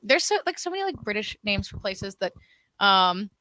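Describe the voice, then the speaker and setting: A woman's voice: medium pitch, very animated, normal speed, bright, forceful tone, dry recording. A woman co-hosting a casual livestream, chatty and giggly, with lots of "like" fillers, talking in a room with cameras and lights. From West Virginia and South Florida. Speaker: co-host of a livestream.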